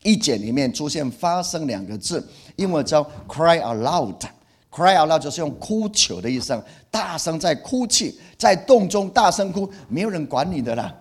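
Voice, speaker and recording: Animated pastor, man. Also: on the high side, moderate pace, breathy edge. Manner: animated, repeats key phrases, acts out feelings with exclamations. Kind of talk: sermon.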